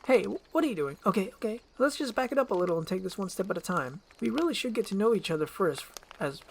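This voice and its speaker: A woman's voice: medium pitch, lively intonation, fast talker, vocal fry, a little hiss or hum, pitched above the performer's own voice. A woman voicing a chatty, nervous male talking donkey, rambling and pleading as part of a screenplay reading.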